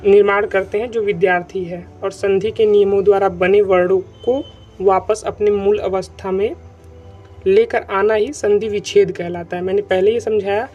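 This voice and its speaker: A man's voice: sits high, fairly even intonation, moderate pace, a little mellow. A man teaching an online grammar lesson who repeats his points and keeps checking that students follow. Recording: dull lo-fi recording with faint music.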